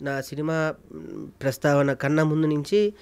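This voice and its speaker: A man's voice: a little high, fairly even intonation, normal speed, smooth. A man, a comedian and producer, talking as a guest in a casual interview, with a theatrical, declamatory delivery.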